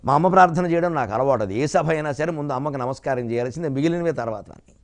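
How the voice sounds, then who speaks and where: An older man lecturing on spiritual matters, his voice sitting a little high for a man. He moves between storytelling, quoted voices and slow chanted verse. He chuckles often as he speaks. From Godavari region, Andhra Pradesh. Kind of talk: Telugu discourse lecture.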